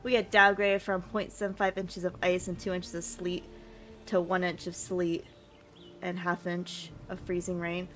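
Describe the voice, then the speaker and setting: A woman's voice: on the low side, flat delivery, unhurried, fairly bright tone, soft background music. A young woman, chatting casually with her stream while out of breath, rambling and laughing often. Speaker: vtuber streamer.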